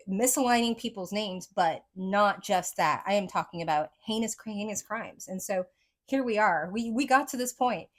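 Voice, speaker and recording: Speaking at a medium pitch, a woman who does psychic readings chats informally with her audience, wandering from point to point and leaning on "like" and "right?" Her accent is a patchwork gathered from many different places.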